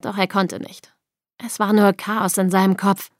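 A woman's voice: medium pitch, little pitch movement, unhurried, no echo, clean studio sound. A woman narrating a thriller audiobook expressively, acting out the dialogue.

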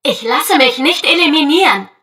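A woman's voice: sits high, expressive, normal speed, sharp tone, voice pushed up. A woman voicing a defensive, menacing rogue artificial program in a story reading. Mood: insistent.

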